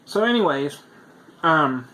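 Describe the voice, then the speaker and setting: A man's voice: a little high, lively intonation, slow pace, pushed and bright, a little hiss or hum. A man talking in a casual video diary, rambling with lots of fillers while he eats. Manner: chatty and rambling, with many fillers; talks while eating. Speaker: vlogger.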